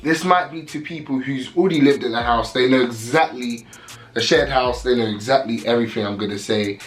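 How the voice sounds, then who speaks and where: A man's voice: mid-range voice, brisk. A young British man, a student, chatting casually and playfully to camera at home, sitting close to the mic. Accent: British English. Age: young adult. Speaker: student vlogger. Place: at home, indoors. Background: background music.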